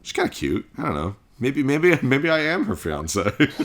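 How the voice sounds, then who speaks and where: A man's voice: medium pitch, very animated, moderate pace, a bit bright. A man hosting a casual video game playthrough, chatting in a jokey, conversational way. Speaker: video game let's-play host.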